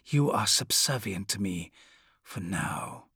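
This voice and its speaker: A man voicing a sinister demon that hisses in a low whisper from inside its host. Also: big pitch swings, takes it slowly, pushed and bright, slightly rough, no room sound, clean studio sound, full character voice. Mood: menacing. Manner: hissing whisper.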